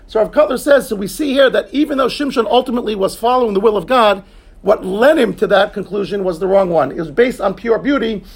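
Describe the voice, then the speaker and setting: Leading a Talmud lesson, this man speaks in a high register with a breathy edge. He defines every term in English and responds to students with brief side remarks.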